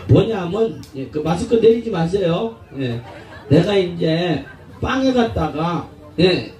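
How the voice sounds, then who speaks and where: A man performs a street prank bit, coaxing strangers with brash, laughing banter and plenty of swearing. His voice is high and swings widely in pitch. He is picked up from a distance over the clamor of a busy street crowd. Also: dark tone. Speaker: street comedian. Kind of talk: street prank comedy with passersby. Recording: echoey outdoor street, crowd noise, distant mic.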